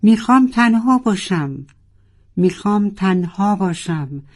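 A storyteller voicing a young narwhal who is desperately searching for its lost father, pleading and shouting. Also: mid-range voice, animated, vocal fry. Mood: frantic. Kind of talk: children's audiobook acting.

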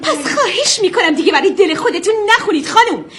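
High-voiced bossy village scold. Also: female voice, lively intonation, a crowd in the background.

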